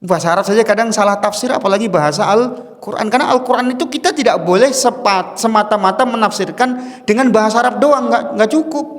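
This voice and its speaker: A man teaching a casual study lecture to a congregation, chatty and asking his listeners questions. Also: sits high. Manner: chatty, asks the audience questions, chuckles often. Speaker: religious teacher. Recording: long hall reverb.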